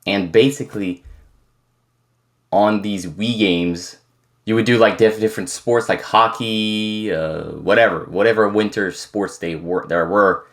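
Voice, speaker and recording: A man's voice: fairly low pitch, measured pace, a bit bright. A young French man in his twenties, a native French speaker with a mostly American-sounding English accent, casually answering viewer questions and rambling with many restarts. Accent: American-leaning English with slight French. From France. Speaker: content creator. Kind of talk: casual Q&A chat.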